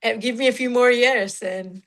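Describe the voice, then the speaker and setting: A young woman from Georgia, raised in Russia, with a Russian accent and a low alto voice with natural rasp, speaking haltingly in an interview with many fillers. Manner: halting, many fillers, non-native grammar. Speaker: musician guest. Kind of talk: casual interview talk.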